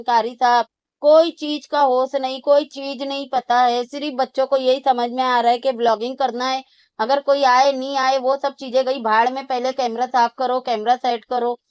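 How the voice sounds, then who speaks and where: A woman with a smooth, fairly high voice, heaping sarcastic scorn on a vlogger in her reaction commentary. She talks with a scolding, insulting bite throughout. The sound is close and dry, with no room echo. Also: darkish tone, highs cut off. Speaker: reaction channel host. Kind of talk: angry commentary on a vlog.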